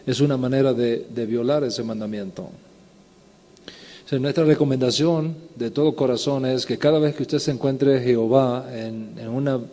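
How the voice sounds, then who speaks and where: A rabbi lectures at a conference and takes questions in a lecture hall, walking through ideas step by step and often asking "ok?" to check in. His voice is medium-pitched and warm, with fairly even intonation and a moderate pace. The recording carries a long hall reverb.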